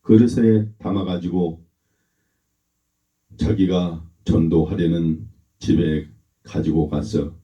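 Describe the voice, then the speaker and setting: A man, a pastor, delivering a sermon in a slow, emphatic way and asking the congregation to repeat after him. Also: sits low, steady tone, mellow. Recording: roomy, dull lo-fi church recording.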